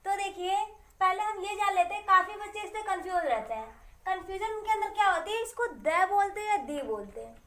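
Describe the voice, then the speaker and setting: A woman with a very high voice gives a classroom grammar lesson. She keeps asking her students questions and answering them herself, repeating each key word. The room around her is echoey. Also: big pitch swings, fairly quick, sharp tone. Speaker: English teacher.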